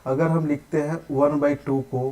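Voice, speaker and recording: A man's voice: fairly high pitch, level tone, normal speed, a little mellow, rough recording. A young adult man teaching basic percentages in a live online maths lesson, explaining patiently, repeating each step and checking in with his students often. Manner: patient, repeats steps, says "ठीक है" often.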